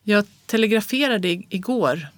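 A reader doing an uneasy professor and husband who stumbles and trails off as he speaks. The voice sits mid-pitch, read close and dry as an audiobook of old prose. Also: lively intonation, fairly bright tone, no echo, natural voice. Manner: hesitant, halting speech. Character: anxious male professor, middle-aged husband. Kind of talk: audiobook reading of classic prose.

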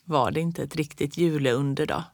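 A woman reading a kind old grandmother who speaks softly and confidingly. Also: low-pitched, gravelly, no room sound, clean studio sound. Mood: hushed.

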